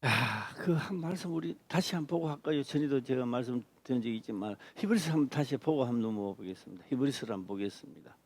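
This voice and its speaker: A man preaching a sermon as a pastor, speaking emphatically with repeated phrases and sudden loud stress. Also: medium pitch, lively intonation, fast talker, few pauses, no room sound. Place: church.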